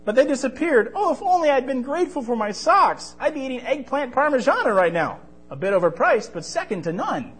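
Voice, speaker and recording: A man's voice: extremely high pitch, sing-song, brisk, fairly bright tone, husky, voice pushed up, full character voice. A man voicing an eager, hungry young boy in a children's story, with a whiny, wide-eyed manner. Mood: pleading.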